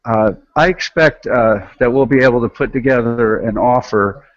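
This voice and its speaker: A man speaking over a breaking-up call connection, halting and restarting his phrases with many fillers. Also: mid-range voice, no room sound. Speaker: network marketer presenting on a group call. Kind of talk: casual call presentation. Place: outdoors on a busy street, then walking into a hotel. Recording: dull lo-fi call audio.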